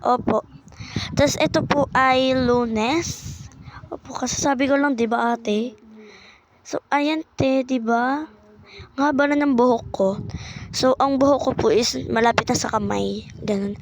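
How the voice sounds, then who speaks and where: A woman's voice: high-pitched, steady tone, measured pace, pauses often, a little hiss or hum. A ten-year-old girl narrating her school day in a casual vlog, talking politely and chattily. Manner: polite, uses po often, chatty. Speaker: child vlogger.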